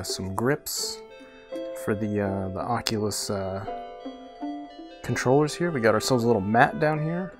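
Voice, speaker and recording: A man hosting a let's play, giving casual gameplay commentary in a laid-back, slangy way. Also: medium pitch. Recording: game music faintly behind the voice.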